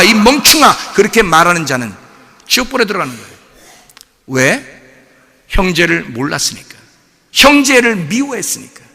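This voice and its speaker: A man preaching a sermon as pastor, animated, asking the congregation rhetorical questions. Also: high-pitched. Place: church sanctuary. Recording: long church reverb.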